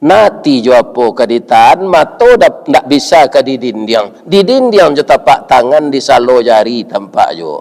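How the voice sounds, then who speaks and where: A male preacher with a Minangkabau accent gives a storytelling sermon, full of lively, joking asides and chuckles. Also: medium pitch, unhurried, few pauses, poor audio.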